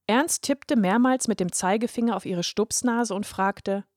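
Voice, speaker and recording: A woman's voice: mid-range voice, a little slow, darkish tone. Woman reading a children's story. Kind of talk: scripted storybook narration.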